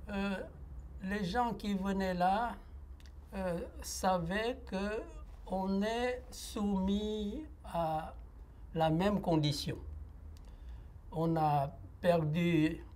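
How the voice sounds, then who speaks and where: In an interview, a man from Laos in his sixties shares a personal testimony, thoughtful and unhurried. His mellow voice sits high with fairly even intonation, and his halting speech is full of pauses and fillers, with faint noise behind it.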